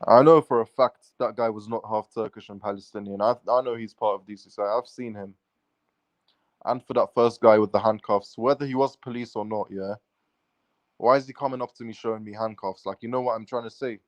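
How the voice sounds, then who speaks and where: Bloke, lowish voice, no room echo, keeps swearing and rambling. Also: male voice, steady tone, fairly quick, lo-fi sound. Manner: swears freely, restless run-on sentences. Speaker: vlogger. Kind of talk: casual rambling storytelling.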